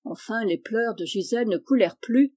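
A woman reading an old children's novel aloud as an audiobook. She keeps a steady, even pace, and her voice is mellow and warm. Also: fairly high pitch, normal speed. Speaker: narrator. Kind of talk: audiobook narration of a classic novel.

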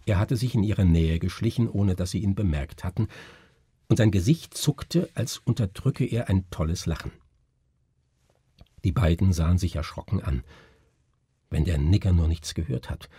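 A man narrating a literary story in a measured, expressive way. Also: deep voice, breathy edge, dry recording. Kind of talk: literary audiobook reading.

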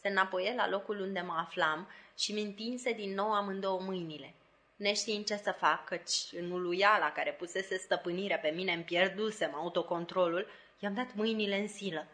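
A woman narrating a classic novel as an audiobook in a measured, even storytelling manner. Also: medium pitch. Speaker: audiobook reader.

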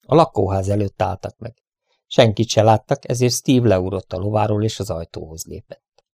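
Guy reading an audiobook, gravelly lowish voice, dry close sound. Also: a little mellow, no room sound. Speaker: audiobook reader. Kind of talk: storybook narration.

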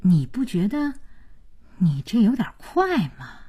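A woman's voice: mid-range voice, huge pitch swings, takes it slowly, warm tone, husky, voice pushed up, heavily acted. A woman voicing a frank, curious young woman, talking directly and quizzing. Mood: startled.

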